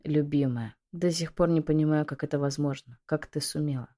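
A woman reading an audiobook, voicing a devoted male dragon general in a low, husky, hushed voice. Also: a little fast, natural voice. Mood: tender. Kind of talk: audiobook character voice.

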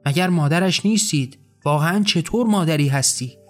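A protective old woman in an audiobook story speaks up firmly and reproachfully, as a man reads her lines. The voice sits a touch high, with faint music in the background. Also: lightly acted. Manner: firm, reproachful. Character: kind, protective old woman, firm when angered.

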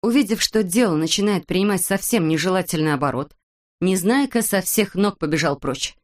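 A woman narrates a children's storybook for an audiobook. Her voice sits low for a woman, and she reads in a steady, even way. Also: fairly quick.

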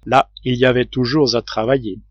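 A man reading a classic novel aloud at an unhurried, steady pace. His voice sits in a middle register and is recorded close and dry. The sound is a little dull, like a home recording. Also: medium pitch, dry recording. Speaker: audiobook narrator.

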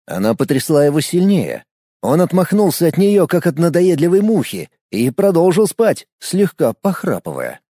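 Expressive male audiobook narrator. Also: fairly high pitch, normal speed, no room sound, clean studio sound. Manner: expressive storytelling. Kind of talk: scripted narration.

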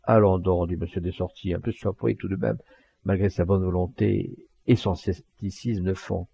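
A man narrating an audiobook in an expressive storytelling manner, with a husky, gravelly voice. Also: low-pitched, moderate pace. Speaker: audiobook reader. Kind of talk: scripted narration. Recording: dull lo-fi dry recording.

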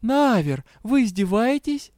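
Male reader doing a young heroine, quick-tempered and sharp, high and crisp. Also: no echo, studio quality, close to an everyday voice. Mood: indignant.

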